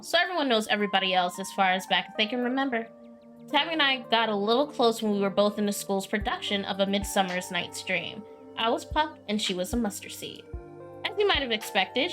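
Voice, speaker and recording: Brief: friendly small-town young woman, folksy and wry, pitched a bit high, read by a woman gamer, soft music under. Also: expressive, a little fast. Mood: chatty.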